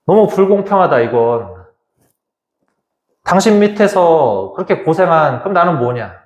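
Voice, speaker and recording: A man's voice: a little high, very animated, moderate pace, echoey room. A man doing an aggrieved, angry elder son. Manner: indignant complaining.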